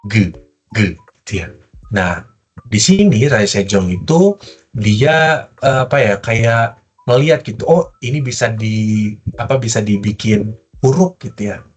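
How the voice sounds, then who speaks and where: A man with a fairly low, husky voice leads a pronunciation lesson. He talks casually and patiently, slowing down to model each sound for learners to repeat. Faint music plays underneath. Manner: patient, demonstrates sounds slowly, casual fillers. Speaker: Korean language teacher. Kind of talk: online language lesson.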